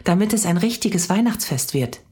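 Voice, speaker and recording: A woman's voice: on the low side, expressive, moderate pace, darkish tone, husky, pitched above the performer's own voice. A woman voicing a curious, stubborn little girl in a storybook reading, speaking earnestly and asking question after question.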